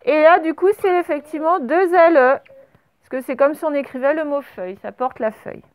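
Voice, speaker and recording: A woman's voice: sits high, a little fast, a little mellow, dry recording. A woman teacher giving a spelling dictation lesson to children on camera, patiently spelling words out letter by letter. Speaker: primary school teacher.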